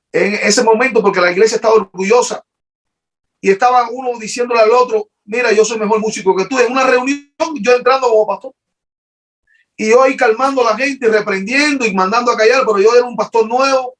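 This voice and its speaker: A man's voice: extremely high pitch, fairly bright tone. A man preaching an emotional sermon as pastor, fervent and repetitive, often restarting his sentences.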